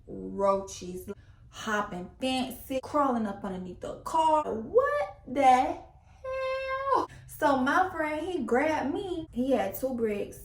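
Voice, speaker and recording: Lively young woman telling a story. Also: fairly high pitch. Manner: animated, slangy, acts out quotes. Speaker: vlogger. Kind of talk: casual storytime narration. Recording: echoey room.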